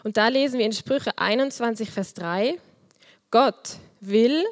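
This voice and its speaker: A woman preaches in a lively, personal way, her soft, quiet voice sitting fairly high. She speaks into a handheld microphone, and a long hall reverb trails each phrase. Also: a little slow. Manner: lively, personal, with small laughs. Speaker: youth group leader giving a talk. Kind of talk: sermon.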